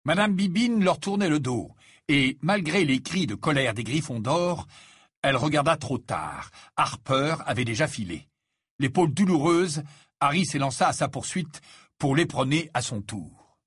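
A man narrating an audiobook and voicing the characters in an expressive way. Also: moderate pace, slightly rough, dry recording, studio quality. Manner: expressive, raises pitch for dialogue.

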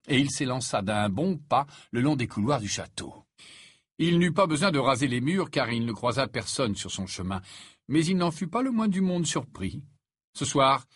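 A man narrating an audiobook in an expressive storytelling manner with a husky voice. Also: mid-range voice, no room sound, studio quality. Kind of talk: scripted narration.

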